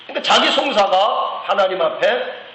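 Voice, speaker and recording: A man's voice: high-pitched, bright, forceful tone, roomy sound, slight background noise, rough recording. A man preaching a sermon earnestly, with frequent filler sounds and rhetorical "yes?" checks. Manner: acts out voices of God and of a praying believer. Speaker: pastor. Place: church sanctuary.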